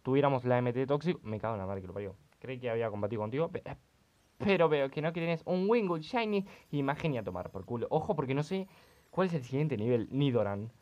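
A young man giving crude, excitable gaming commentary, swearing often. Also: mid-range voice, fast, dull audio. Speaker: let's play host.

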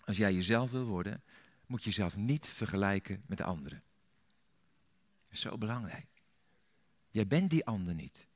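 A man with a Dutch accent preaching in a church, telling a story and rising to loud, emphatic peaks. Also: fairly low pitch, lively intonation, moderate pace, long pauses. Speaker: pastor. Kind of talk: sermon.

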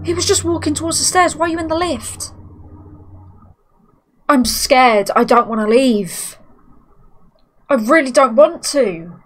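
A woman's voice: sits high, animated, measured pace, long pauses, slight background noise. A young British woman commenting on a horror game as she plays, talking to herself and breaking into frightened outbursts. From United Kingdom. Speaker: gaming streamer.

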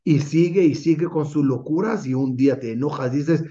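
A man's voice: fairly high pitch, moderate pace, dark tone, highs cut off. A man teaching as a rabbi in an online class, driving his points home with many rhetorical questions. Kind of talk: Torah class over video call.

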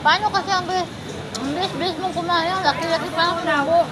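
High-voiced chatty Filipina vlogger. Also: female voice, steady tone, fast talker, over a noisy crowd. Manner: chatty, teasing, mixes English in. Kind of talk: casual travel vlog. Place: busy indoor mall, then outdoor park. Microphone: phone camera at arm's length. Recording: noisy public space.

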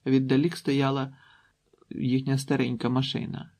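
A man narrating an audiobook in a calm, even storytelling manner with a raspy voice. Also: medium pitch, a little slow. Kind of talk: scripted narration.

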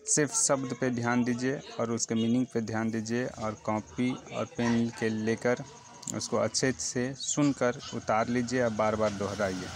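A man's voice: mid-range voice, fairly even intonation, measured pace. A man teaching vocabulary, spelling each word out letter by letter and repeating it, recorded on a handheld phone in a roadside shop. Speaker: YouTube teacher. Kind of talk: vocabulary lesson. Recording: noisy roadside with traffic. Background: passing motorbikes and a child shouting.

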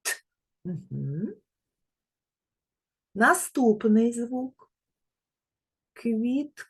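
A woman teaching little children to read, her voice breathy and soft-edged. She talks slowly and sweetly, swooping up and down in pitch as she draws out each sound and praises the kids. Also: sing-song. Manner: slow, sing-song, drawing out speech sounds for children; gentle, praising, uses endearing diminutives. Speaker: preschool teacher. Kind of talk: remote literacy lesson for small children.

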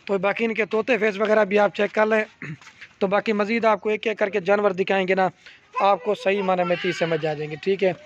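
A goat farm seller with a Pakistani Urdu accent gives a casual walkthrough of his animals in a farmyard by a garden, his high-pitched voice keeping a fairly even intonation. He repeats himself in a salesy way and keeps saying "theek hai." It was captured on slightly muffled phone audio, with faint outdoor ambience.

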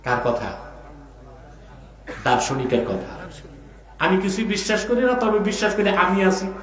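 A man preaching a sermon through loudspeakers, his voice carried by heavy hall echo in a large building. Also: sing-song, a little slow. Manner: preaching fervently, chanting Arabic phrases. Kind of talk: religious sermon. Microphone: microphone through loudspeakers. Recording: booming echoey hall reverb, PA sound.

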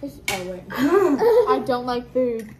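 A woman's voice: high-pitched, big pitch swings, slow, over a noisy crowd. A teenage girl chatting casually with friends on a phone video, blunt and teasing. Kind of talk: casual chat among friends.

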